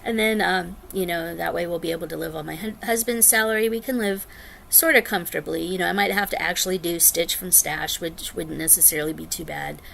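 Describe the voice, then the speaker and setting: A woman's voice: on the low side, brisk, creaky, fairly bright tone, a little hiss or hum. A woman in her forties chatting casually to her vlog viewers, rambling with lots of ums and sounding tired. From United States. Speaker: flosstube vlogger. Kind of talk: casual chat to camera.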